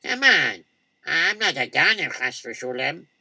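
Excitable defensive shopkeeper, jumpy lively delivery, voiced by a man; dry close sound. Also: a little high, unhurried, no echo, heavily acted. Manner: flustered, repeating himself.

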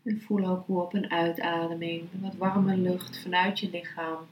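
A woman speaking as a meditation and philosophy teacher, calm, unhurried and instructive. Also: on the low side, slight background noise. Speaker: yoga philosophy and meditation teacher, podcast host. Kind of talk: spoken lesson, then slow guided meditation. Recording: roomy, echoing sound.

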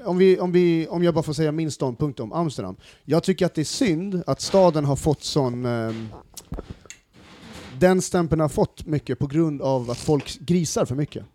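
Man, podcast co-host, mellow warm voice, slightly high, searching long sentences. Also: slight background noise. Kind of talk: casual chat.

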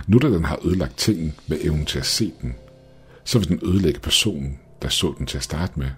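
A creepy, fanatical scientist who talks with unsettling, measured calm, as a storyteller puts him on. The voice is very deep and low, with soft music faintly behind. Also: male voice, slightly rough, full character voice. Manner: eerily calm, slow and measured.

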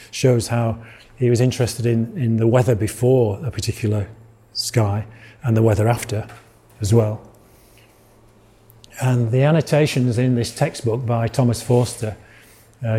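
A man's voice: mid-range voice, warm tone, husky. Rambling Yorkshire man giving a lecture. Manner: rambling, with frequent restarts and asides. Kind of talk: illustrated lecture.

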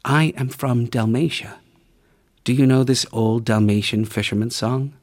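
A man's voice: medium pitch, steady tone, a little slow, a little mellow, natural voice. A man quoting a thin young Croat, bitter.

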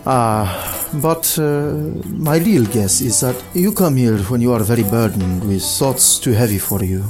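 A man playing a kindly, wise old religious elder who speaks calmly and gently in an audio drama. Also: medium pitch, a little slow, over music, natural voice. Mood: wry, kindly.

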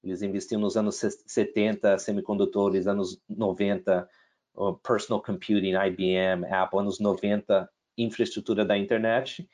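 This middle-aged American investor speaks Portuguese in a casual interview, his accent American English with traces of Brazilian and European Portuguese. His voice sits on the low side, darkish and flat, at a moderate pace. Telling his career story, he restarts often, uses plenty of fillers and drops in English words.

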